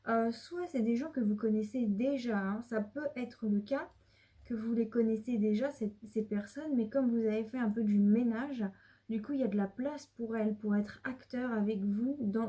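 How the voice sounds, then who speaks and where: Husky, mellow-voiced woman reading cards. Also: a little high, normal speed. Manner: chatty and rambling, with many restarts; drops to a whisper at times. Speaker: card reader. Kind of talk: casual tarot reading to camera.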